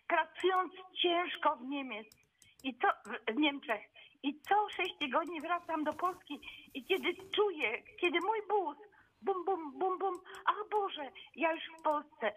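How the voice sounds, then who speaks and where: A woman's voice: high-pitched, a bit bright. A middle-aged woman calling in to a radio show over a phone line, speaking indignantly and firing off rhetorical questions. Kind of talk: heated call-in opinion.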